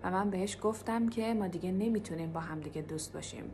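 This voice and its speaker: Quick-talking woman English teacher. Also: fairly low pitch, mellow, slight background noise. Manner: explains quickly, then repeats phrases slowly for pronunciation. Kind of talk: casual video lesson.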